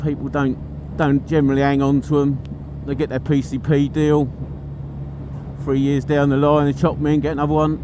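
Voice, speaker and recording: A middle-aged motorcycle vlogger delivers flat, moderately paced commentary in a slightly high voice while riding. He rambles in a casual, musing, chatty and colloquial manner. Loud engine sounds, traffic and road noise run throughout.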